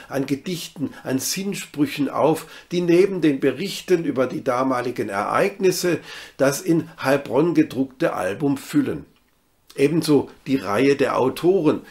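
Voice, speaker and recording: Give me a man with a middle-pitched voice reading a scripted tour narration in a measured, even way. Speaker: narrator of a literary city tour.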